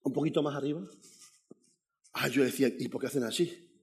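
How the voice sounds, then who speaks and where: A man preaching as a guest in a church, telling his testimony in an animated way and calling out "amen" to the congregation. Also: medium pitch, a little fast. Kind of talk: sermon with personal testimony.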